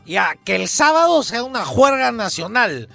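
A man's voice: extremely high pitch, sing-song, normal speed, gravelly, fairly bright tone, faint music behind, exaggerated voice. A man with a Peruvian Spanish accent playing a rambling, stammering older quack doctor on a radio comedy bit. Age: over 60. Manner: rambling, stammering, repeats words. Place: radio studio.

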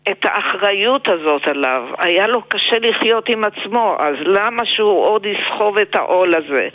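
An older woman with an Israeli accent, speaking reflectively and deliberately in an interview, with pauses and emphatic repetitions. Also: medium pitch, muffled recording. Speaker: interviewed memoir author.

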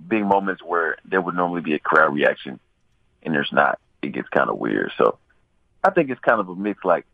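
Very deep, gravelly young man on phone. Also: no echo. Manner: relaxed, rambling, filler-heavy. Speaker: pro baseball player interviewee. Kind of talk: casual interview. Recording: tinny phone line.

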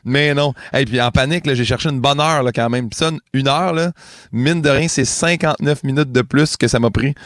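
A man's voice: mid-range voice, no echo, studio quality. A man with a Québécois accent delivering a joking comic monologue on morning radio, poking fun at himself. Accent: Québécois French. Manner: joking, self-mocking, quick asides. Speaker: radio comedy columnist. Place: radio studio.

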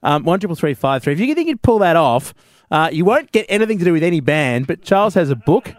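A man hosting a comedy radio show, lively and laughing often. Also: fairly high pitch, fast, no room sound, clean studio sound. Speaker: radio host.

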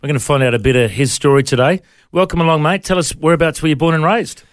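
A man's voice: fairly high pitch, fast, no room sound. Australian man hosting, dry close sound. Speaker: interview show host. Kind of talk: conversational interview.

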